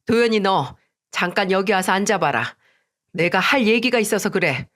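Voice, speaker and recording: A woman reading as an indignant older mother-in-law, sharp and reproachful in a radio story. She lectures at a steady middle pitch, scolding rather than shouting. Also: normal speed, natural voice. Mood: stern scolding. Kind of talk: Korean radio story drama.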